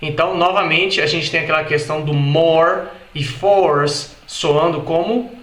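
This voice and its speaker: A man with a Brazilian Portuguese accent giving an explanatory video lesson, repeating example words slowly and carefully. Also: a little high, fairly even intonation, a bit bright, roomy sound. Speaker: English teacher.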